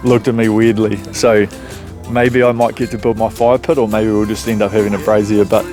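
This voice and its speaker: A man's voice: on the low side, little pitch movement, fairly quick, over music. A man with a New Zealand accent, talking informally and plainly as a homeowner on a renovation show. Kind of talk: casual chat to camera.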